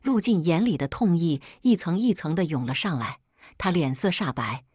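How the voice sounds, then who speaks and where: A woman's voice: lowish voice, expressive, moderate pace, darkish tone, husky, no room sound, studio quality. A woman narrating a first-person melodrama story in a cool, bitter storytelling manner.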